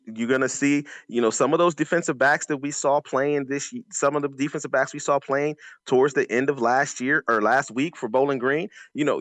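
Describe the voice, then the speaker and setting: A sports announcer who once played running back in college offers conversational analysis, emphatic and leaning on anecdotes while repeating phrases. His voice is medium-pitched and a bit bright, captured in a dry recording.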